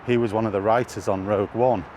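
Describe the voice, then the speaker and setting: Talking fast in a fairly low voice with fairly even intonation, a middle-aged British vlogger rambles casually as he walks through an urban area, thinking aloud and often hesitating. Traffic makes the outdoor recording noisy, with clear street and vehicle noise behind him.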